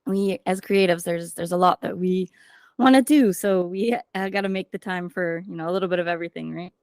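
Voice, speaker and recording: A woman's voice: fairly low pitch, brisk, a little mellow, clean tone, no echo, clean studio sound. A woman hosting a podcast, chatting casually and leaning on fillers as she talks. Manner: chatty, uses many fillers. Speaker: podcast host and writing coach.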